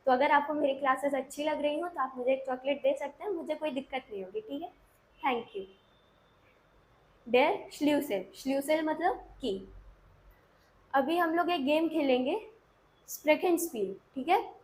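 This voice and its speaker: A woman teaching German pronunciation in an online lesson, slowing down to model each word and encouraging learners to repeat after her. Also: sits high, slight background noise, low-quality recording.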